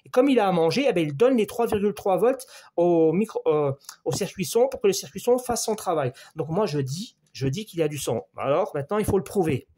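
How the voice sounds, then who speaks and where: A man with a slightly high voice walks through a TV board repair in French, patient and talking right to the viewer. He repeats his main points as he measures, and his voice sometimes sinks quieter when he leans in over the board. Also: animated, brisk, husky. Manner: explains step by step, addresses the viewer directly, repeats key points. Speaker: electronics repair instructor. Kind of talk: hands-on repair tutorial.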